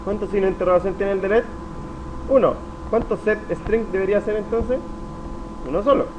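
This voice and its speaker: Speaking briskly in a high voice, a man runs a live university coding class, quizzing students and complimenting what they say. Noise from the classroom comes through on the recording.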